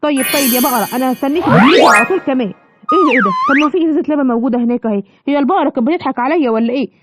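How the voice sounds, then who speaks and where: A woman's voice: high-pitched, lightly acted. Woman doing a hasty lion dad chef, Egyptian. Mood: bustling. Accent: Egyptian Arabic. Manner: fast, bustling, talks to himself. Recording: dull lo-fi, clear background noise.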